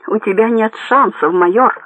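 A man voicing a volatile male gang leader who yells threats in a frantic, raised voice. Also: sits high, moderate pace, no echo, narrow, tinny audio. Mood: taunting.

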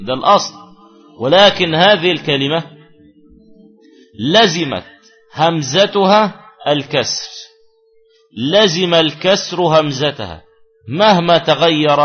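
A man's voice: a little high, lo-fi sound. Man teaching Arabic grammar. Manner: repeats key words, asks the class questions. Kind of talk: classroom grammar lesson.

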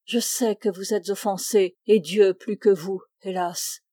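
Femme lisant un jeune homme suppliant et sincère, voix chaleureuse, son sec. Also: female voice, medium pitch, steady tone, a little slow, dark tone, no echo, clean studio sound, close to an everyday voice. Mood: humble. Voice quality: earnest, pleading. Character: anguished pious young man pleading with his mother.

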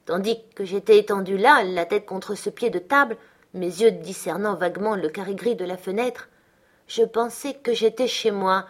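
A woman's voice: medium pitch, moderate pace, close to an everyday voice. A woman voicing a delirious, frightened young woman in an audiobook, anxious and pleading. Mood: feverish. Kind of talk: audiobook character reading.

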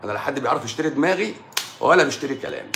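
A man's voice: mid-range voice, big pitch swings, rapid-fire, creaky, background noise. A middle-aged man with an Egyptian Arabic accent, a doctor ranting combatively on a live stream and firing off rhetorical questions. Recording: echoey room.

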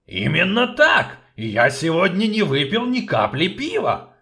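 A man voicing a blunt, hot-tempered dwarf who grumbles loudly and emphatically. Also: high voice, huge pitch swings, unhurried, voice pushed up, full character voice. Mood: indignant.

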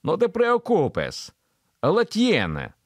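Man voicing a sinister smooth-talking man, apologetic and persuasive, pitched up. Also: huge pitch swings, slow, dry recording, exaggerated voice. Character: menacing man feigning calm apologetic charm.

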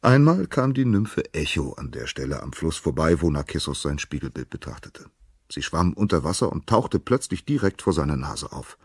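A man narrating a myth in a calm, measured storytelling manner. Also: rumbling low, husky, dry recording, studio quality.

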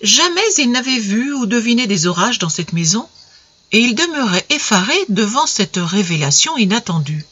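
A woman reading a classic short story aloud with measured narration. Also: mid-range voice, big pitch swings, a bit bright, husky, highs cut off. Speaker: reader.

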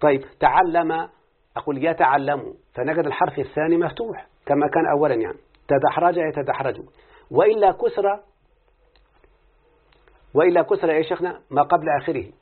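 An Egyptian man talks quickly through a grammar lesson, his voice slightly high and husky. He explains each step and keeps asking his teacher to confirm. The sound is thin and phone-like. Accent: Egyptian Arabic. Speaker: student reciting a grammar lesson. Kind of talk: Arabic morphology lesson, question and answer. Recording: tinny phone-like recording.

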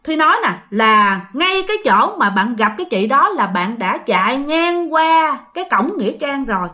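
A woman's voice: sits high, pushed and bright. A woman with a Southern Vietnamese accent telling a ghost story in a chatty way, talking straight to her listeners and repeating phrases. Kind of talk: casual spoken storytelling.

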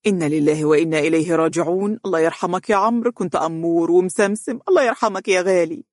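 A clumsy young man with an Egyptian accent, joking in a fast, mock-dramatic way, as a male narrator puts him on. His voice sits a little above the reader's. The audiobook sound is dry and close. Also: high-pitched, darkish tone, no echo, natural voice. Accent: Egyptian Arabic.

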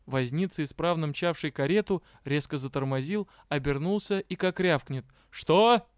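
Clear-voiced male audiobook narrator. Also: on the high side, moderate pace, no echo, studio quality. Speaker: audiobook reader. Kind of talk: scripted fantasy narration.

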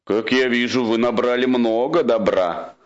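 A man's voice: medium pitch, fairly even intonation, unhurried, muffled recording, natural voice. A man reading a storybook and voicing a fussy old king who grumbles and blusters. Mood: blustering.

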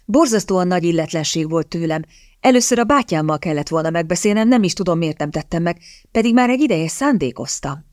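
A woman reading the part of an earnest young gentleman in love, eager and stammering. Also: lowish voice, animated, dry recording, studio quality, natural voice.

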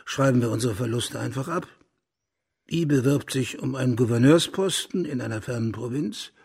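In a German radio drama, a burly, broad-shouldered hunter talks in a very husky, rough voice full of gravel. His mid-range delivery is animated and normal in speed as he rambles bluntly and earthily, garrulous and nostalgic like a chatty country gentleman.

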